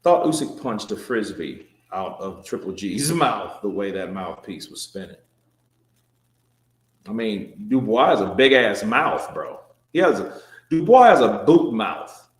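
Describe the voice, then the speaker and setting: Very animated yet unhurried, a man with a low-leaning voice hosts a live boxing stream, reading out viewer comments and answering in loose, joking talk. He swears now and then and trails off into restarts, all in a roomy, echoey recording.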